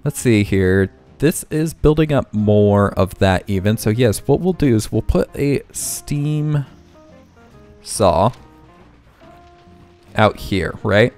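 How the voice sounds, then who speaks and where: A man's voice: on the low side, animated, slow, pauses often, a little mellow. A man hosting a let's play, casually thinking aloud and correcting himself as he plays, with faint game music underneath. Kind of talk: casual gameplay commentary.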